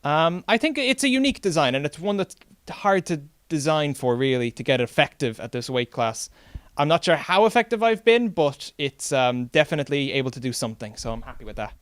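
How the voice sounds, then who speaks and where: A man's voice: fairly high pitch, lively intonation, brisk, clear, resonant tone, no echo, clean studio sound. A man with a west of Ireland accent, a robot competitor explaining things in a modest, candid way. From Galway, Ireland. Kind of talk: explanatory interview answers.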